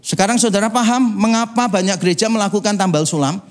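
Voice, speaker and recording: A man from Indonesia preaching a sermon as pastor, telling animated, humorous stories and mimicking other people's voices. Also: high voice, quick pace. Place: church.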